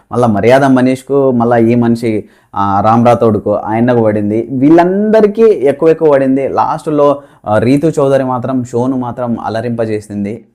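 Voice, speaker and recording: Male commentator, mid-pitch, chatty, opinionated recap, light chuckles. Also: dark tone. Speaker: show commentator. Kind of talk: casual reality-show recap.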